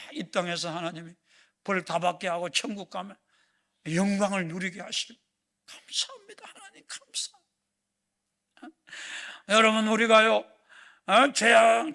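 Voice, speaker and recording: A pastor delivers a Sunday sermon in a high, gravelly, husky voice. He swings from rising shouts down to near-whispers, and his pitch leaps around with bright, pushed intensity. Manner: impassioned preaching that swings from shouts to hushed whispers. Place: church sanctuary.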